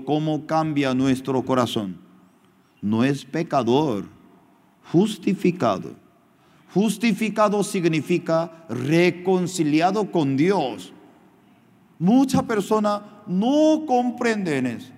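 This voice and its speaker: Male pastor, slightly non-native speaker, emphatic and animated sermon with story asides; slow, lively delivery, long hall reverb. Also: a little high.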